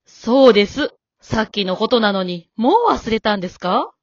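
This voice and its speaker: A woman's voice: medium pitch, normal speed, no room sound, natural voice. A woman voicing a stern, composed elderly wife in an amateur radio drama, polite and cool with a scolding edge. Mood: calm. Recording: dull dry lo-fi recording.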